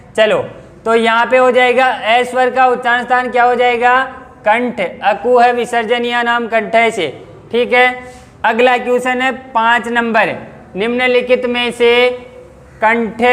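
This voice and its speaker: A man's voice: very high voice, fairly bright tone. A male teacher giving an exam-prep grammar lesson, explaining step by step and asking and answering his own questions.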